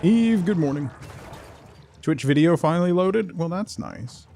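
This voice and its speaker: Expressive and a bit slow, this man's high-leaning voice is creaky and dark. He's streaming a video game, rambling casually with his audience and reading out chat messages and in-game text.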